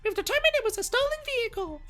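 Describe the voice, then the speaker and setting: A man voicing an old police commander as a squeaky, cute anime girl in falsetto, reading out game dialogue. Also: big pitch swings, fast, a bit bright, soft background music, heavily acted. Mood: urgent, commanding. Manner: cute anime-girl streamer voice, barking orders over radio.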